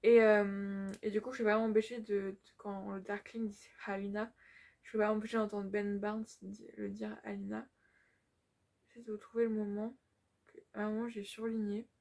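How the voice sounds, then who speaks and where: A woman's voice: mid-range voice, flat delivery, normal speed, a little mellow. A young woman giving a casual, chatty book-vlog update, gushing with lots of fillers. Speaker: book vlogger.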